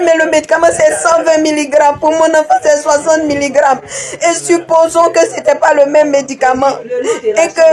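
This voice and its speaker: A woman's voice: high voice, darkish tone, poor audio. Sobbing woman. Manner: distraught, pleading, with broken repeated words. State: crying. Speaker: grieving mother. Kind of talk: emotional testimony.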